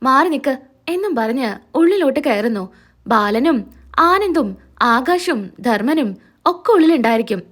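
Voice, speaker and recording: A woman with a high voice recaps a TV serial in a casual spoken way. She walks through each scene and reads all of the characters' dialogue herself. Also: lively intonation, unhurried, long pauses.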